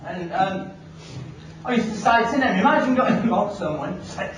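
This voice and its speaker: A man giving an animated motivational seminar talk, firing rhetorical questions at a live audience. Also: sits high, moderate pace. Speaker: motivational speaker. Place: large hall with a live audience. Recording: echoey hall from far off, audience noise.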